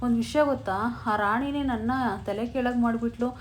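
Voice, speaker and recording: A woman's voice: a little high, moderate pace, natural voice. A resentful young woman, voiced by a woman retelling a serial, vents her grudge to her brother. Faint hiss behind. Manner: angry, complaining.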